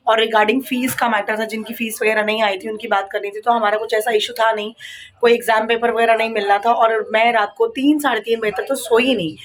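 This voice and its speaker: A woman's voice: a little high, fairly bright tone. A woman in her thirties chatting casually at home in a daily vlog, mixing English words into her talk as she cooks and works. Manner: raises her voice over a barking dog. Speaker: vlogger. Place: home kitchen and rooms. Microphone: phone held while she works.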